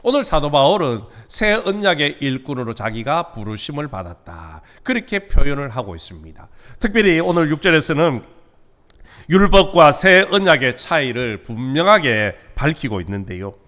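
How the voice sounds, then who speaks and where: A Korean man preaching at a midweek church service. His voice sits a little high for a man, and it climbs and falls with lively swings. He rises on key words and then sinks into soft, quiet endings. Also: normal speed. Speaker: pastor. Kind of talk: sermon. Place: church sanctuary.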